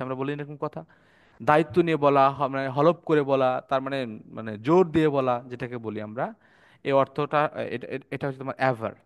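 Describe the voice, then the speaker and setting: Male teacher giving an online vocabulary lesson. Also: a little high. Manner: spells words letter by letter and asks students questions. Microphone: online session, computer mic.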